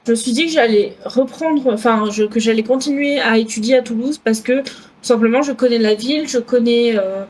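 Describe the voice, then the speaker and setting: A woman's voice: a little high, a little fast, darkish tone. A woman in her twenties with a southwest French accent, talking casually in a vlog, chatty with many fillers and self-corrections. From France. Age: 20s. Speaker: student vlogger.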